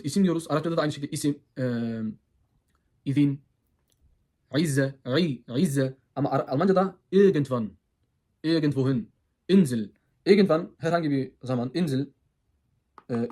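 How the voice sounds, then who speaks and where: A man teaching how to pronounce letters for recitation, repeating syllables slowly and calling his listeners brothers. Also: fairly high pitch, a little mellow. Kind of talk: informal lesson on letter pronunciation.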